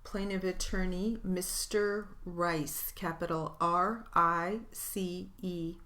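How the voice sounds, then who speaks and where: A woman reading dictation for court reporting practice, slowly spelling out names. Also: fairly low pitch, fairly even intonation, bright, forceful tone. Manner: slow, careful spelling out of names. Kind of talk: scripted dictation.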